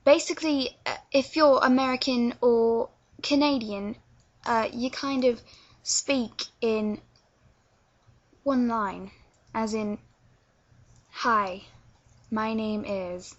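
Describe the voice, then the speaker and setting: This English vlogger from London has a somewhat high voice and an even, unhurried delivery as she teaches accents. Her explanations come out hesitant, with frequent stumbles, and the lo-fi webcam sound is dull.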